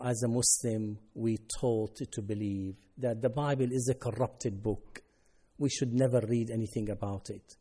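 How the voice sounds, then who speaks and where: A Syrian man who speaks Arabic natively, working in ministry, gives a heartfelt personal testimony in hesitant, non-native English. His voice is mellow and sits in the middle range.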